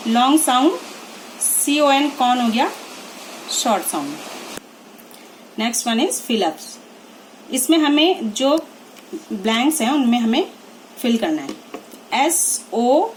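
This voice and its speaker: A woman speaks slowly in a fairly high voice, sounding out letters one by one for small children. The room rings with echo, and faint noise hangs beneath her voice. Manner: spells out letters slowly, then gives Hindi meanings. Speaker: teacher. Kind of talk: phonics lesson for young children.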